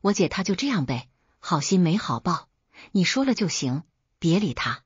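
A woman voicing a spoiled, hot-tempered young man who shouts threats, on a dull lo-fi recording. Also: fairly low pitch, very animated, normal speed, slightly rough, no room sound, full character voice. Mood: angry. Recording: dull lo-fi audio.

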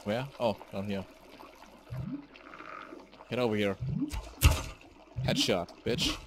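A young man streaming a game live, rambling casually, easily startled, swearing and shouting at enemies. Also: lowish voice, steady tone, slow, a little hiss or hum. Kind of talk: live gameplay commentary.

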